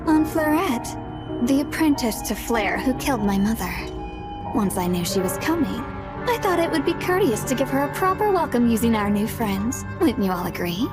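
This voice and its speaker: A cold, scheming young noblewoman in an anime dub, her high voice swinging widely as she speaks with calm, polite menace. A strong music score plays behind her. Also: moderate pace. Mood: coolly menacing. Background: background music.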